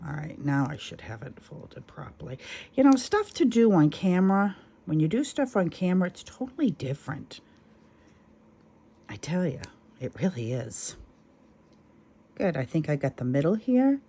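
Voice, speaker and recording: A woman's voice: low voice, very animated, normal speed, long pauses, mellow, husky. Chatty woman hosting a craft tutorial. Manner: chatty, self-deprecating, rambling asides. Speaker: craft channel host. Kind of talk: casual crafting tutorial chat.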